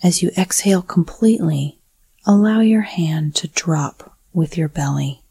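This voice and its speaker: A woman whispering a slow, soothing guided breathing meditation. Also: on the low side, dark tone, husky, no room sound.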